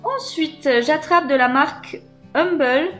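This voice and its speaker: Woman, slightly high voice, chatty, hesitant, unboxing vlog, faint music behind. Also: slow pace, a bit bright. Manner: chatty, hesitant, many fillers. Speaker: beauty box unboxing vlogger. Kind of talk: casual unboxing chat to camera.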